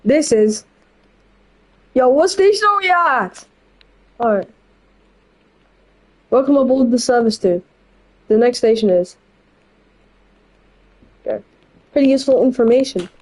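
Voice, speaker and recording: A woman's voice: on the high side, animated, a little slow, long pauses, a little mellow, low-quality recording. A woman giving casual gameplay commentary, rambling with blunt, opinionated asides. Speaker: gameplay channel host.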